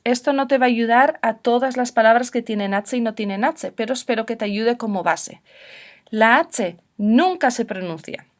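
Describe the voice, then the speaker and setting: A young woman from northern Spain with a northern Spanish accent, teaching a class on Spanish spelling with patient explanations and many examples. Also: high-pitched.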